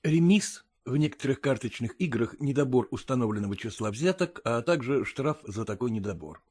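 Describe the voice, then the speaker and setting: A man reading a classic story aloud in a steady, measured narrating voice. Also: mid-range voice, breathy edge. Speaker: reader.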